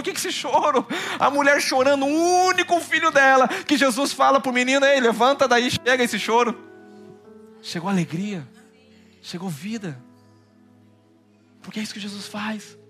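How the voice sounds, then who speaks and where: A man preaching a sermon as pastor, swinging between loud urgent bursts and hushed low passages, calling listeners brother and crying hallelujah. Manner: addresses listeners as brother, often says hallelujah.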